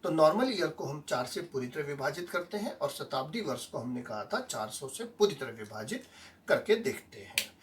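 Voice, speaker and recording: A man's voice: a little high, very animated, moderate pace, a little hiss or hum. A man teaching a lesson, explaining step by step and often asking the class whether they follow, mixing in English words. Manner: mixes English words and phrases into his explanations. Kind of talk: online lesson explaining calendar tricks. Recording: voice sounding distant from the mic.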